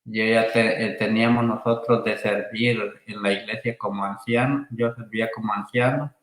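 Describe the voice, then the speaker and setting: A man pastor from Honduras answering interview questions in a halting, deliberate way, pausing as he recalls dates. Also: lowish voice, steady tone, fairly bright tone. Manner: halting and deliberate, with long pauses. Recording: echoey room.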